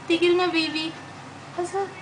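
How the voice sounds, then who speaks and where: Very high-voiced woman cooing baby talk. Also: level tone, moderate pace. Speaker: parent on a video call with her baby. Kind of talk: baby talk on a video call. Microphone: computer microphone on a video call. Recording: noisy home video-call recording.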